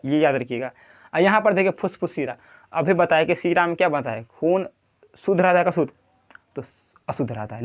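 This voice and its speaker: A man with a Bihari accent teaching a lecture, who keeps asking the class questions and repeating key terms. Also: a little high. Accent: Bihari Hindi. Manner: quizzing, repeats key terms, drawing at a board.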